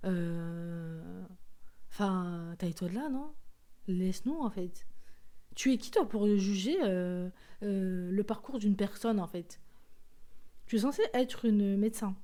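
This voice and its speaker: A woman's voice: medium pitch, mellow. A woman with a Marseille accent hosting a personal podcast monologue, outspoken and hesitant, full of fillers and restarts. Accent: Marseille French. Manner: outspoken and indignant. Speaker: podcast host.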